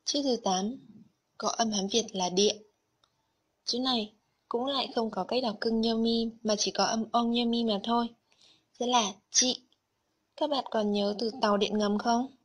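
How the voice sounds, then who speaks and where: A woman's voice: on the high side, steady tone, measured pace, long pauses, husky. A woman narrating a scripted Japanese lesson, carefully explaining vocabulary and kanji one item at a time. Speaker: Japanese language teacher.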